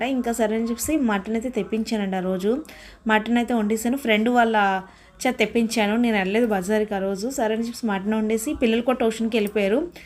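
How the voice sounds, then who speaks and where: A chatty woman with a Telugu accent hosts a casual home vlog. Her voice is fairly high and she talks quickly, in a homely narrating style.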